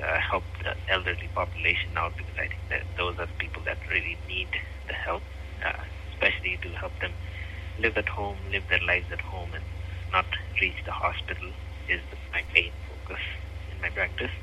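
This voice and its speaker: A man from Nepal with a Nepali accent speaks earnestly as a physician guest. His voice is very low yet strikingly bright and forceful, and he hesitates often with many fillers. Faint noise runs behind him on the line. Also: expressive, a little fast, low-quality recording. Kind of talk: interview.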